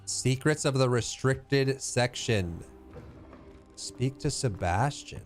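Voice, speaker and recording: A man's voice: mid-range voice, lively intonation, slow, faint music behind. A man hosting a let's-play, making casual, playful jokes at the game as he plays. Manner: playful, joking asides to the game. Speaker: gaming channel host.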